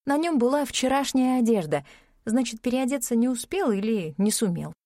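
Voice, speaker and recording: A woman narrating an audiobook in a steady, expressive reading. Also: on the high side, normal speed, no room sound, studio quality. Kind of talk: scripted narration of a crime novel.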